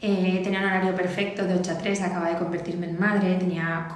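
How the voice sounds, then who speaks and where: A woman in her thirties from Valencia telling her story as a podcast guest, animated and acting out the dialogue she quotes. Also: fairly low pitch, quick pace. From Valencia, Spain. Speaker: guest, charity founder. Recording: very echoey room, faint ambient noise.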